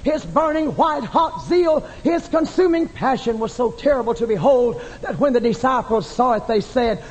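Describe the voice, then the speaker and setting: A woman preaching a fervent Pentecostal sermon, building to shouted repetitions and calling on the congregation to repeat her words, in an old archive tape from a church service. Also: a little high, lively intonation, normal speed. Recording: reverberant church with faint hiss, 1980 archive tape.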